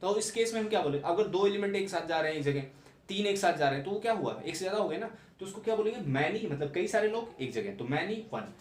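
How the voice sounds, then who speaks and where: A man's voice: high voice, lively intonation, fast talker. A young man teaching maths in a classroom-style lecture, repeating key points and checking understanding with rhetorical questions. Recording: echoey room, mic at a distance, background noise.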